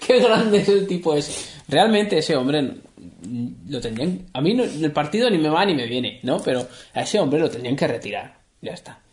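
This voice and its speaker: A man's voice: on the high side, very animated, normal speed, hardly any pauses, reverberant, slight background noise. A man in his thirties from Spain, co-hosting a podcast in casual, joking chat and laughing often. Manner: laughs often, playful banter. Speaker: podcast co-host.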